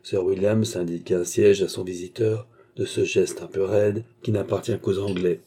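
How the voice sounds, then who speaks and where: Reading a scripted narration, a male audiobook narrator tells the story at a steady, measured pace. His voice is low, mellow and very dark, with a husky tone from start to finish.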